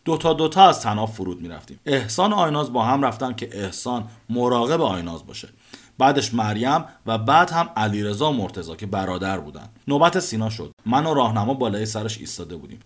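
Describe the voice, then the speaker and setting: A man hosting a podcast, telling a first-person story in an expressive, vivid narrating manner. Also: mid-range voice. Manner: expressive, recounting events vividly.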